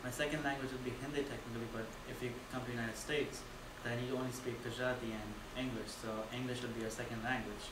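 A young Indian man, a student presenter, gives a casual class presentation in a flat, even, mid-range voice, talking quickly with hardly any pauses and loose phrasing packed with fillers. He's captured by a far-off camera in a dim, roomy classroom with a projector, so the sound echoes and a steady hiss runs underneath.

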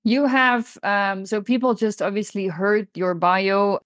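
A woman podcast host interviews in a conversational style, unhurried and with fairly even intonation. Her voice sits at a middle pitch, and the dry recording has hardly any room sound.

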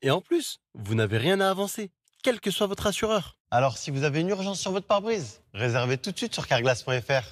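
A man in his thirties delivers a brisk, explanatory sales pitch straight to camera at a repair shop counter. His fairly high voice swoops up and down as he talks. He sounds like a friendly salesman walking you through the service. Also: very animated. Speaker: car glass repair adviser in an ad.

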